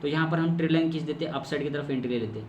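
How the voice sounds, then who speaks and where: A trading course instructor walks through a strategy on a chart in a screen-recorded lesson, going step by step, repeating key terms, and posing questions to himself. His slightly high, a little mellow voice is steady but very fast, and the muffled audio comes from a distant mic in an echoey room with faint noise.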